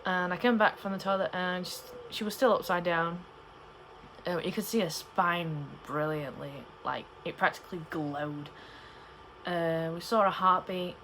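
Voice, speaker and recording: Young woman, slightly low pitch, chatty rambling vlogger delivery, some background noise. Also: steady tone, unhurried, fairly bright tone, poor audio. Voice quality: cannot pronounce P in the middle of words. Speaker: pregnancy vlogger. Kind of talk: casual chat to camera.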